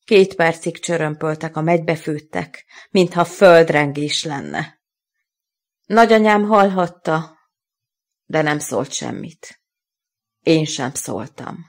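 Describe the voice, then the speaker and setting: A woman gives a literary reading of her own prose, slow, measured and grave, in a slightly low voice with vocal fry. Soft music plays faintly underneath.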